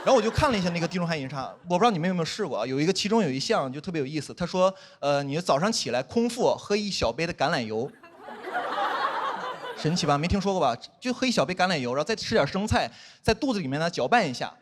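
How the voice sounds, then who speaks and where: Fast, lively male stand-up comic. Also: on the high side, background noise. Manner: animated, quick-talking, acts out quoted dialogue. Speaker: stand-up comedian. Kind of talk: stand-up comedy set. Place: comedy stage before a live audience.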